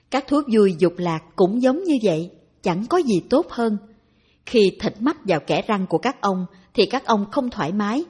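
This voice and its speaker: A woman reading a dharma talk aloud in a calm, even narration. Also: mid-range voice, slightly rough. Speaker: reader of dharma talks.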